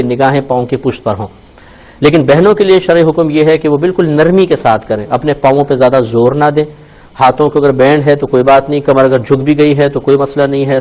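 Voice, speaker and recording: A man from Pakistan, a mufti, explaining the steps of prayer on a call-in program and slowly spelling out Arabic phrases. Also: a little high, darkish tone, low-quality recording. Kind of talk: religious instruction on a call-in program.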